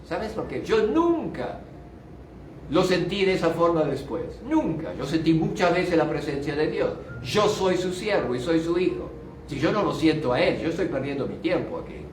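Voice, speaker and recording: A man's voice: high-pitched, a little hiss or hum. An older male pastor giving a fervent sermon testimony, dropping in short English asides. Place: church. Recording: roomy church sound, distant mic, faint music.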